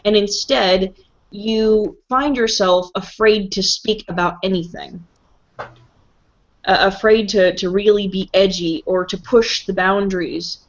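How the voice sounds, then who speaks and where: A woman's voice: medium pitch, fairly even intonation, measured pace. A woman hosting a casual live stream chat, talking freely and laughing often. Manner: chatty, laughs often, talks with mouth full. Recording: dull lo-fi stream audio.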